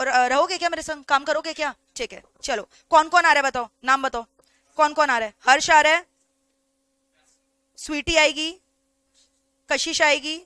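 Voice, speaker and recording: A woman's voice: sits high, bright, forceful tone, no room sound. An Indian woman teacher giving an online lecture in a chatty way, often checking whether her students follow.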